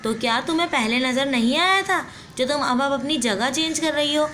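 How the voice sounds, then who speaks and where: A woman's voice: high voice, normal speed, a bit bright, a little hiss or hum. A woman doing a bossy tattletale girl. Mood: annoyed. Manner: scolding, threatening to tell on others. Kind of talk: doll play story acting.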